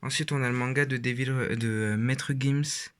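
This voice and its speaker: A man's voice: mid-range voice, fairly even intonation, moderate pace, fairly bright tone, clean tone. A teenage boy giving a rambling, casual tour of his shelf, with frequent fillers and restarts. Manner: rambling, hesitant with many fillers. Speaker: vlogger.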